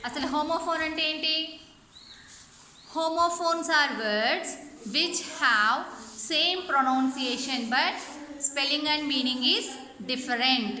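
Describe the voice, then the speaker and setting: A woman teacher with a Telugu accent leads an online English lesson for young children. Her voice is high and bright, and she stretches her English out slowly and carefully, sometimes spelling words letter by letter. The room around her is noticeably echoey. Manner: slow deliberate English, quicker Telugu explanations.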